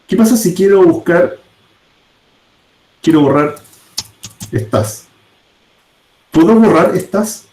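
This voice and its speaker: A man walks his class through code one step at a time, pausing to check that they follow. His voice sits a little high but sounds soft and dark, and he talks slowly. The sound carries a roomy echo. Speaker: programming teacher. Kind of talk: live coding class. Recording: echoey room.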